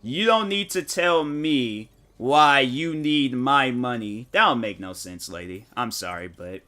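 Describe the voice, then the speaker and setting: While streaming a game, a man tells a rambling, animated story packed with slang, slipping into little mock-quoted lines from other people. His voice is bright and forward at a mid pitch, and he talks a little slowly.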